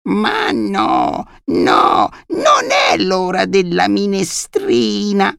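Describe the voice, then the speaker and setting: A man's voice: high voice, huge pitch swings, drawn-out words, vocal fry, clean tone, no echo, clean studio sound, voice pushed up, exaggerated voice. A man voicing a decrepit, deaf grandmother in her old age who mumbles and calls out in a storybook reading. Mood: mumbling shouty. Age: older. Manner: mumbling, shouting when deaf.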